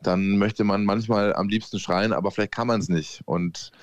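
Easygoing man, low and dry voice. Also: steady tone, normal speed, no echo, lo-fi sound. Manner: warm, thankful and easygoing. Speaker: radio presenter and musician as guest. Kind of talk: casual chat.

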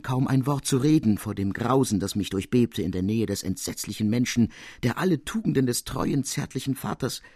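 A man narrating an audiobook in a measured storytelling manner. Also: mid-range voice, a little mellow, slightly rough, no room sound, clean studio sound.

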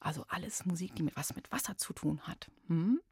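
A woman's voice: fairly low pitch, brisk, husky, no echo, in a whisper. Playful woman hosting children's radio, dry studio sound. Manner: expressive, addresses young listeners directly. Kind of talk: chatty, playful storytelling radio presentation.

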